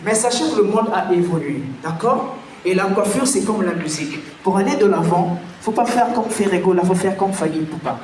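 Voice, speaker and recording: High-voiced comedian shouting in an echoey hall. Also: male voice, a little fast, noisy background. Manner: animated storytelling, often shouting punchlines. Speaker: stand-up comedian. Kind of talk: stand-up comedy routine. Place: festival stage before a live audience. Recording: echoey hall recording from far off.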